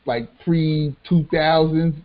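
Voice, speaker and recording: A man's voice: fairly high pitch, fairly even intonation, slow. Laid-back man with a dull lo-fi sound. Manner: laid-back, repeats phrases, says yeah a lot. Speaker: podcast co-host. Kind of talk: casual chat.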